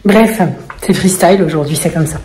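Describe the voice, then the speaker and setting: A woman's voice: on the low side, moderate pace, darkish tone, slight background noise. A woman vlogging to camera in a chatty, rambling way, often breaking into laughter. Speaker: family vlogger. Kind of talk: casual chat to camera.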